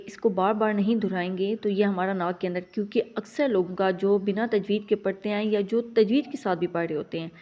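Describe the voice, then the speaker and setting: A woman teaching Quran recitation, explaining each sound patiently and drawing out the model sounds slowly. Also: mid-range voice, a little mellow. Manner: drawn-out model sounds between plain explanations. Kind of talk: slow, patient recitation lesson. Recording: slightly dull lo-fi audio.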